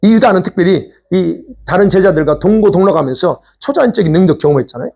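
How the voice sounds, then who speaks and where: A man's voice: high-pitched, lively intonation, quick pace, creaky, darkish tone, muffled recording. A man pastor preaching a sermon in a conversational way, posing questions to the congregation. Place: church sanctuary.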